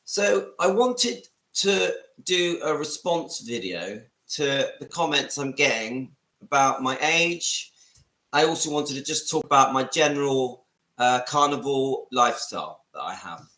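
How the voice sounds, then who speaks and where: West Country man, 50s, chatty livestream host; bright tone, roomy echo. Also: mid-range voice, lively intonation, a little slow. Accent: West Country English. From Southwest England. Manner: chatty, rambling, greets commenters by name. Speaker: livestream vlogger. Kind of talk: casual live chat to viewers. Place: room at home.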